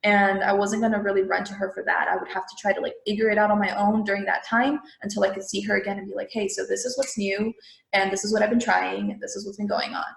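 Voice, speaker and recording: Young adult woman from Peru, interview guest, chatty with a lot of fillers, gravelly edge, mid-range pitch. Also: little pitch movement, fast, roomy sound, rough recording. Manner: chatty, frequent fillers like "like" and "you know". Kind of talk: casual interview talk.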